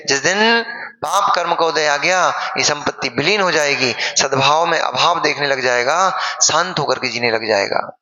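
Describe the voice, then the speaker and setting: A man, a monk, giving an animated sermon and acting out wailing mourners. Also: on the high side, moderate pace. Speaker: Jain monk preacher. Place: large sermon hall. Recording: echoey hall, dull lo-fi sound.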